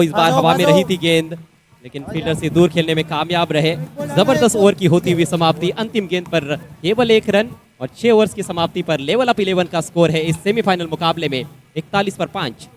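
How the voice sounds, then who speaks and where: A man with an Indian accent provides live cricket commentary in a somewhat high voice. He is analytical and articulate, favouring formal wording as he sums up the play.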